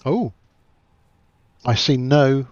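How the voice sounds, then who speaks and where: A man's voice: medium pitch, very slow, darkish tone, no room sound, muffled recording. A man giving casual livestream commentary as he plays a flight simulator, thinking aloud in a chatty, self-deprecating way.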